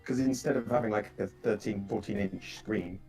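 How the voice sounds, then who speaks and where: A man chatting casually about coding setups, bouncing between thoughts with lots of fillers and restarts. His voice sits a little low and comes through a laptop microphone, with faint guitar music in the background. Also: normal speed, a little mellow. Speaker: software developer chatting on a call. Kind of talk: casual chat.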